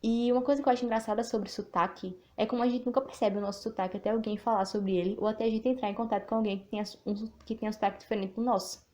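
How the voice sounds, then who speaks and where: Her voice is a little high and darkish, rapid-fire with few pauses and fairly even intonation. A writer and podcast host with a Sergipe accent from Northeast Brazil, she's somewhat nervous while chatting reflectively and casually and reading out something she wrote.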